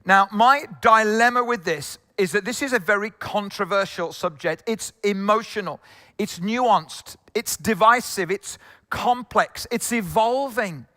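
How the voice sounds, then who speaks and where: A man's voice: high voice, measured pace, pushed and bright. A middle-aged man preaching a sermon as pastor, chatty and jokey, with many fillers. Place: church hall. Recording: long hall reverb.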